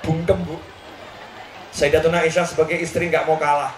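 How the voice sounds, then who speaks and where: A man's voice: on the high side, flat delivery, fairly quick, reverberant, a little hiss or hum. A man preaching a humorous sermon to a live audience, playfully teasing the listeners with asides and questions.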